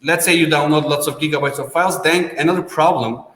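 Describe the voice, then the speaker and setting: A man, a startup co-founder, giving a business pitch with non-native phrasing and frequent restarts. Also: quick pace, a bit bright. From Turkey. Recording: roomy with long reverb.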